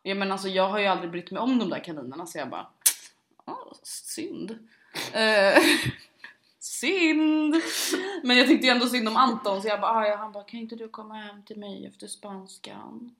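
A young woman telling funny stories in casual chat, acting out what people said and laughing often. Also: mid-range voice. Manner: animated, acts out quotes, laughs often. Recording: echoey room.

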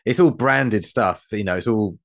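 A man's voice: fairly low pitch, normal speed, gravelly, fairly bright tone, no echo, clean studio sound. A British man co-hosting a casual podcast, rambling and self-deprecating with frequent restarts. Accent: British English. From England. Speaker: podcast co-host. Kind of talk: casual chat.

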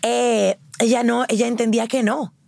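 A woman casually telling a story in a lively way, acting out what others said. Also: a little high, normal speed, creaky. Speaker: guest.

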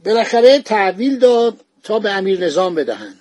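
High-voiced male history storyteller. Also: sing-song, darkish tone. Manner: mixes formal reading with colloquial retelling. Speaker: history podcast narrator. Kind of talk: storytelling narration.

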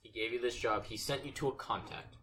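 A man narrating as game master of a tabletop role-playing game, casual and hesitant, with many pauses and ums. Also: mid-range voice, noisy background.

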